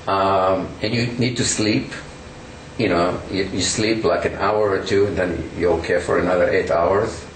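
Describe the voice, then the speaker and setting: A man in an interview recounts events casually, speaking emphatically and using lots of fillers. His low voice holds a steady tone at normal speed. The recording comes from a distant mic in an echoey room with faint noise.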